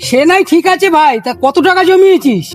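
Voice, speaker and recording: A man's voice: very high voice, a little fast, faint music behind. A man playing an exasperated, foul-mouthed villager in a broad comedy skit, blunt and scolding.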